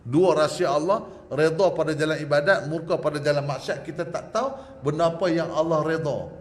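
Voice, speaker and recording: Fast-talking preacher man in an echoey hall. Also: on the high side. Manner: lively and joking, often asks the audience to agree. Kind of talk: religious lecture ending in a prayer. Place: mosque prayer hall. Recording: echoey hall with faint background hum.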